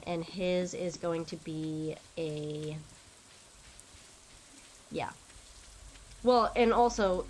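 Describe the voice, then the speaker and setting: Young woman streaming a game, chatty and excited, unhurried, faint hiss behind. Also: fairly low pitch. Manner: chatty, excitable, rambling with many fillers. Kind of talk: casual gaming stream chat.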